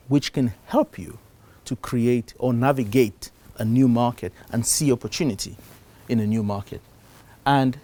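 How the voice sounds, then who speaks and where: Middle-aged man giving an animated conference talk. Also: mid-range voice. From Cameroon. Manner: animated, shifts loudness for emphasis. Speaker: conference speaker. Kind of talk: live talk on investing. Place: conference stage before an audience.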